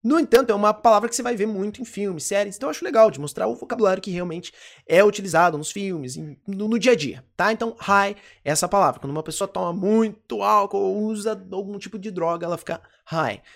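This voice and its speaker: An English teacher with a Brazilian Portuguese accent, giving a lesson and slowly repeating each phrase with frequent check-ins. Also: medium pitch, gravelly. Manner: slow careful repetition, frequent "ok?" check-ins. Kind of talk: online language lesson.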